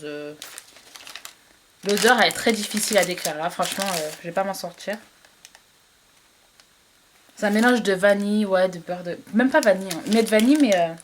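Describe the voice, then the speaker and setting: A woman talks casually to her camera at home, reviewing beauty products in a chatty, meandering way. Her voice sits at an ordinary middle pitch. She hesitates a lot, with fillers and restarts, and a faint hiss sits behind her. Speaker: beauty vlogger.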